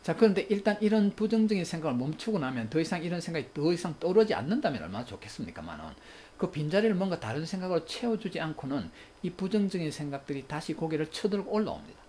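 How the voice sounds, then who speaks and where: A man's voice: fairly high pitch, very animated, quick pace, hardly any pauses, warm tone, a little hiss or hum. A middle-aged man giving a recorded lecture on parenting skills, acting out quoted family exchanges.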